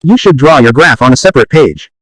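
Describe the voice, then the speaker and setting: Fast, dry-sounding man dictating sentences. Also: mid-range voice, expressive, a bit bright, no room sound, rough recording. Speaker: English test dictation reader. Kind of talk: dictating practice sentences, read aloud.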